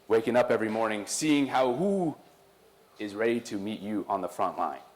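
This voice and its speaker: A man's voice: on the low side, animated, normal speed. A man giving a conversational sermon, joking with the congregation as he introduces guests. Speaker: pastor.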